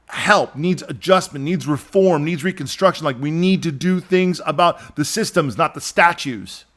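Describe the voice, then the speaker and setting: A man hosting a podcast, delivering an animated, exasperated opinion monologue. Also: a little high. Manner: animated, exasperated ranting with mocking impressions. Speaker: podcast host.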